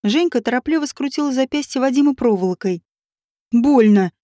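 A woman narrating an audiobook in a steady, even reading voice. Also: high-pitched, normal speed, no room sound, studio quality. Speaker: audiobook reader. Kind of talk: scripted narration.

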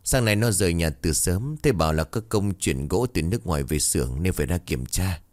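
A man's voice: deep voice, lively intonation, a little fast, a little mellow, dry recording. A man voicing a kind elderly grandmother who speaks in a motherly, caring way. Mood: tender.

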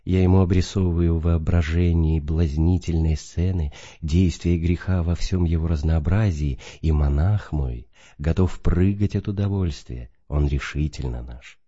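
A man reading the part of a sly male demon who reports to Satan, in a low, even storytelling tone. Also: normal speed, hardly any pauses. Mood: boastful. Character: sly male demon, boastful then fearful. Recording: dull lo-fi recording.

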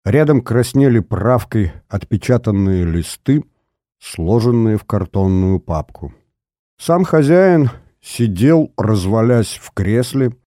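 A man narrating a novel in a steady, measured storytelling manner. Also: lowish voice, no echo, studio quality. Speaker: audiobook narrator.

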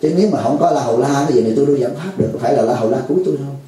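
A man's voice: medium pitch, rapid-fire, mellow, heavy reverb, rough recording. A man giving a dharma talk to a lay audience, jovial and teasing, acting out a pleading caller. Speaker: Buddhist monk teacher.

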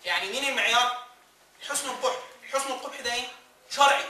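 Egyptian guy lecturing, quizzes the class and answers himself, talks super quick, sounds far off in an echoey hall. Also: extremely high pitch, sharp tone, slight background noise. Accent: Egyptian Arabic. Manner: quizzing the class, answering his own questions. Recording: echoey room recorded from a distance.

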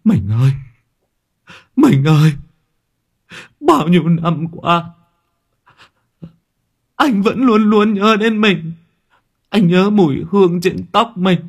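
A man's voice: sits high, lively intonation, takes it slowly, pauses often, husky, pitched above the performer's own voice, heavily acted. A man voicing a melodramatic husband pleading and fake-sobbing for his dead wife.

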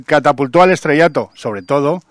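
A man's voice: fairly high pitch, expressive, brisk, dry recording, clean studio sound. A man co-hosting a rock radio show, chatting about old records in a loose, rambling way and tagging his phrases with a questioning "eh". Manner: chatty, trails off and restarts, tags phrases with "¿eh?".

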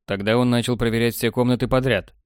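Steady male audiobook reader, mid-range voice, recorded dry and close. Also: medium pitch, clean tone, no echo. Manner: even, measured storytelling. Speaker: audiobook narrator. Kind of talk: scripted narration. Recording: dry close studio sound.

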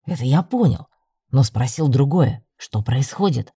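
A woman's voice: rumbling low, expressive, a little slow, dark tone, slightly rough, no room sound, clean studio sound, voice pushed down, full character voice. A woman voicing a young male werewolf student who is blunt and skeptical, in an audiobook. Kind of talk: audiobook narration.

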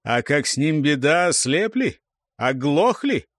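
A man's voice: fairly high pitch, big pitch swings, a little slow, fairly bright tone, dry recording, studio quality, heavily acted. A man reading the part of a stern old warrior who scolds and interrogates youngsters in an audiobook. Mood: scolding. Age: older. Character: stern old male warrior, sharp-tongued. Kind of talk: audiobook character voice.

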